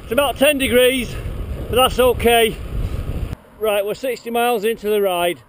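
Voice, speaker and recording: High-voiced man filming his own bike ride. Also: fairly even intonation, normal speed. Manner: chatty, upbeat, pointing out places along the way. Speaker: cyclist vlogger. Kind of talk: casual running commentary while riding. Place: outdoors on open coastal roads. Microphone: handheld action camera. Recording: wind noise on an outdoor camera mic.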